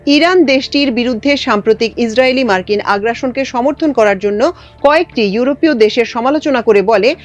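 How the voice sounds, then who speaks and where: A woman presenting international news, reading a script in a measured, formal way. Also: on the high side, faint music behind. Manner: measured formal newsreader delivery.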